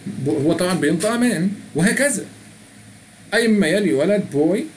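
A middle-aged man with an Egyptian Arabic accent presents a screen-recorded language app tutorial, chatting along and reading the prompts out. His voice is high with lively intonation and a slightly fast pace, plus a little hiss or hum.

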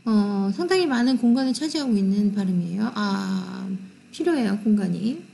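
A Korean-speaking woman teaching English pronunciation in an online lecture. She explains quickly in Korean, then reads the English example words and sentences slowly and deliberately. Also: mid-range voice, lively intonation, creaky, warm tone, slight background noise.

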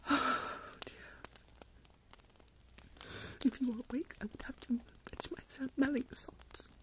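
Lying in bed indoors, a woman whispers close to the mic in an ASMR roleplay as a fretful, melodramatic older Regency mother, self-pitying and sighing dramatically. Her voice is high and steady at a normal speed, and the recording quality is low.

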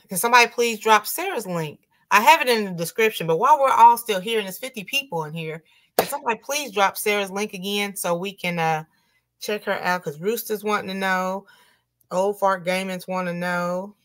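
A woman's voice: mid-range voice, a bit bright. A woman hosting a casual livestream chat, reading viewer comments aloud and laughing often. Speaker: livestream host.

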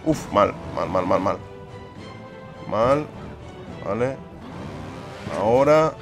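Excitable young gamer. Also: male voice, fairly low pitch, extremely slow, music in the background. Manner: excitable, swears and exclaims often. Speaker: gaming YouTuber. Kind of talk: let's play commentary.

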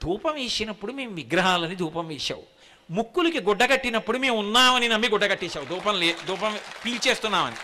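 A man voicing two gods who speak as one, chiding a devotee in a loud, emphatic, teasing way. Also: sits high, expressive, quick pace, exaggerated voice. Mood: fond scolding.

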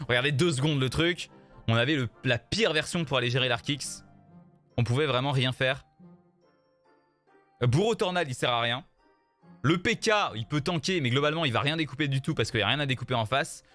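Chatting directly to his audience as "les gars," a man jokes his way through live commentary on his mobile card game matches. His medium-pitched voice is brisk yet broken by frequent pauses, animated and repetitive, while faint game music plays in the background.

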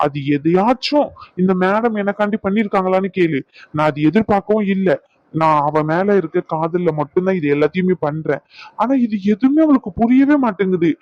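A man plays an exasperated young husband in a cartoon who pleads and complains. His voice sits fairly high and sounds dry. The recording is dull and lo-fi. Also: no room sound, natural voice.

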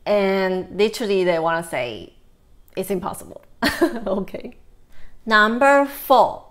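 Taiwanese woman in her 30s, native mandarin speaker, teaching a language casually to camera, takes her time, medium pitch. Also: lively intonation, slow pace. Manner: explanatory, with Mandarin example phrases. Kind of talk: conversational language lesson to camera. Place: small living room, indoors. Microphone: lapel mic.

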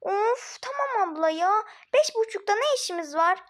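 A woman's voice: very high-pitched, animated, voice pushed up. Woman voicing whiny sleepy little girl. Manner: whiny, drawn-out complaints. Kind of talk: homemade mini-series role-play.

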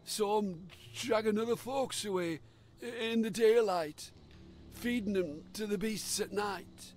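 A man's voice: sits high, a little slow, faint music behind, voice pushed up. A man voicing a weary, emaciated old fisherman captive who speaks in a rustic, old-fashioned dialect. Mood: grim.

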